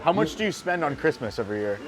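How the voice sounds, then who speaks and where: A man asking quick joking questions on a house tour. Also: fairly high pitch, very animated, over a noisy crowd, rough recording. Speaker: interviewer, video host. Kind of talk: casual interview questions.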